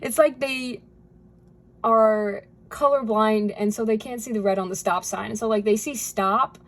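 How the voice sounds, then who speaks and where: A woman's voice: medium pitch, unhurried. A woman giving a casual spoken tarot reading, chatty and rambling, with frequent fillers and easy laughs. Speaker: tarot reader.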